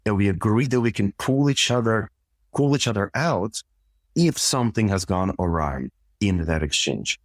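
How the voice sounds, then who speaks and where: A man's voice: on the low side, lively intonation, normal speed, no echo, studio quality. A middle-aged man, a couples therapist, explains communication steps one by one in a podcast conversation and acts out short example dialogues.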